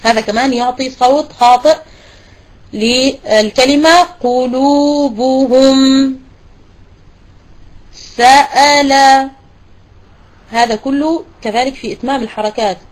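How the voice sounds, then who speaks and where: A woman teaching a tajweed lesson to women students, explaining step by step and slowly repeating words to demonstrate pronunciation. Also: high-pitched, rough recording. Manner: praises and questions students. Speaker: Quran recitation teacher.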